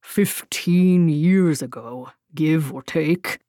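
A woman voicing a weary giant man in an audiobook, speaking slowly and gruffly. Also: deep voice, mellow, no echo, clean studio sound.

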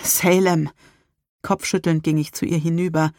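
A tense, dramatic first-person audiobook narration at a middle pitch. It is read close to the mic in a dry booth with no room sound. The delivery is steady and scripted. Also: normal speed, no room sound.

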